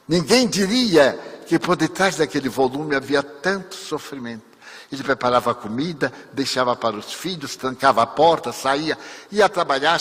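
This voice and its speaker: A man's voice: medium pitch, a bit bright, breathy edge. An older man, a spiritist speaker, telling a story in a lecture and acting out the dialogue, in a large hall. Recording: long hall reverb.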